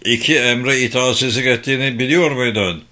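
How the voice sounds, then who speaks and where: A man's voice: mid-range voice, brisk, pushed and bright, lightly acted. A man reading a stern, sarcastic middle-aged male camp colonel who questions coldly in an audiobook.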